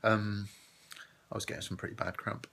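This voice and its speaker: A man's voice: fairly low pitch, level tone, moderate pace, a bit bright. A British man in his thirties giving a subdued, hesitant video diary into a phone indoors. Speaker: vlogging runner. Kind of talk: casual spoken video diary. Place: small room indoors. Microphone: phone at arm's length.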